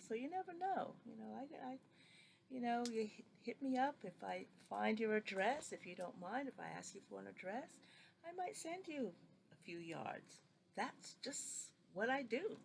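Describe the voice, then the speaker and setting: A woman's voice: fairly high pitch, gravelly, slight background noise. A middle-aged woman who grew up in New York, chatting enthusiastically and meanderingly as she shows fabrics from her sewing collection at home. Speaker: sewing vlogger. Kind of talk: casual chat showing fabrics.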